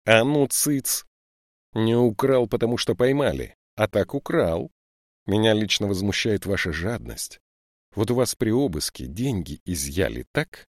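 In an audiobook, a man voices a strict, stocky woman police lieutenant who scolds and lectures a group of young thieves. His voice is on the low side yet pitched above his natural range, animated, a little slow and stern. The recording is dry and studio quality.

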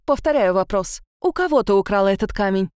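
A woman's voice: expressive, fairly quick, darkish tone, clear, resonant tone, no echo, clean studio sound, lightly acted. A woman reading an audiobook voices a spiteful, sanctimonious old countess who hisses and scolds with scorn. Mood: scolding. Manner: hissing, scornful, shrill scolding. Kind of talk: audiobook character voice.

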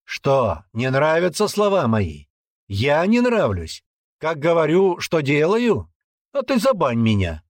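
A man voicing a gruff, brutal old male warrant officer who barks and taunts loudly. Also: fairly high pitch, huge pitch swings, takes it slowly, dry recording, studio quality, voice pushed up, full character voice. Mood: taunting. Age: older. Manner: barking, taunting, loud.

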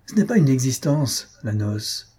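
A man's voice: mid-range voice, very animated, unhurried, mellow, breathy edge. A man reading aloud, voicing a stern, irritable elderly aunt who scolds her nephew. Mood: scolding. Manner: scolding, indignant.

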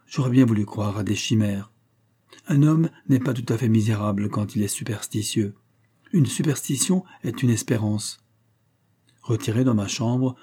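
A man reading a classic novel aloud as an audiobook, in a measured first-person storytelling voice. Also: mid-range voice, dark tone, slightly rough. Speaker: audiobook narrator.

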